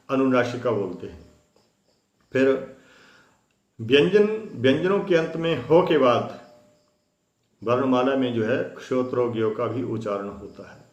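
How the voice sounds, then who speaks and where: A man teaching a Hindi grammar lesson, explaining slowly with many fillers and spelling sounds out one by one. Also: mid-range voice. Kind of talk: spoken lesson. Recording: roomy echo.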